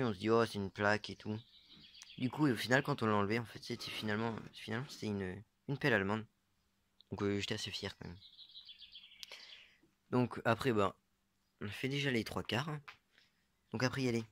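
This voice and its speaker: A man's voice: fairly low pitch, a bit bright, slight background noise. A young man casually showing his metal-detecting finds, talking hesitantly with many fillers and unsure asides. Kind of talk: casual show-and-tell vlog.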